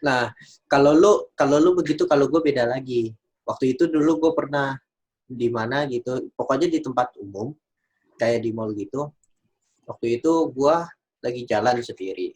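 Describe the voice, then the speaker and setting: A podcast co-host telling a story in relaxed, jokey casual chat. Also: mid-range voice, normal speed, pauses often, husky. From Indonesia.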